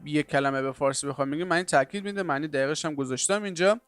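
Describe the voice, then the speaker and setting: A man with a Persian accent teaching an online English lesson in a lively, upbeat way and drawing out his English example sentences. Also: fairly high pitch, clear, resonant tone, faint music behind.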